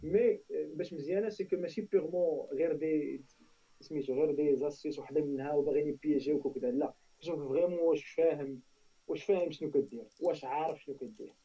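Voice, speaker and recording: A man's voice: on the high side, steady tone, fast talker, warm tone, slightly rough, far from the mic, muffled recording. A man with a Moroccan accent in a casual tech discussion, speaking emphatically, repeating phrases and switching into French. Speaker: tech talk panelist.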